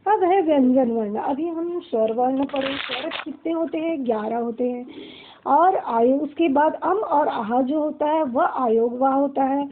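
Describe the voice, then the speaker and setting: Woman teacher, high voice, slow and patient, asks and answers her own questions, tinny phone-quality sound. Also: slight background noise. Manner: slow, repeats questions and answers them herself. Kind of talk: classroom grammar lesson.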